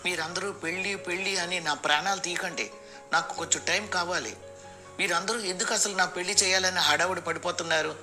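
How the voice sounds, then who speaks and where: A jittery young man dreading his wedding, as a male storyteller plays him, talking in a flustered, hurried way that turns sharp. His voice sits a little high, with music underneath. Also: full character voice. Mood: angry. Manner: flustered, then sharp and angry. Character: nervous young man, anxious groom-to-be.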